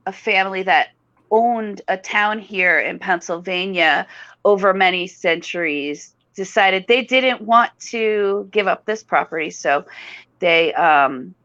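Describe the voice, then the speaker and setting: Slow, hesitant woman co-host on a dull, dry mic. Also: mid-range voice, fairly bright tone, no room sound. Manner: halting, many fillers and restarts. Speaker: talk show co-host. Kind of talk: casual talk show chat.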